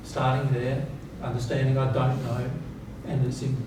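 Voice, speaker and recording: This man speaks in a monotone at normal speed, his pitch medium, while emphatically and informally teaching spiritual principles to an audience. Rhetorical questions and repeated key words check that they follow. A distant mic records the very echoey, noisy seminar room.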